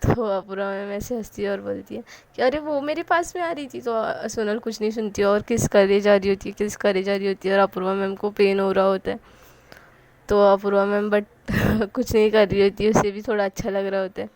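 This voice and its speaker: A woman's voice: medium pitch, little pitch movement, a little fast, a little mellow. A woman casually retelling a love story, chatting along and voicing the quoted lines as she goes. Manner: chatty, narrates with quoted dialogue and fillers.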